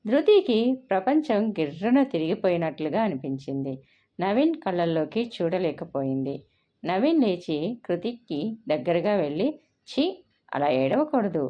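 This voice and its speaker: A woman storyteller reading a family drama in a measured, expressive way. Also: fairly low pitch. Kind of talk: scripted story narration. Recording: dull lo-fi recording.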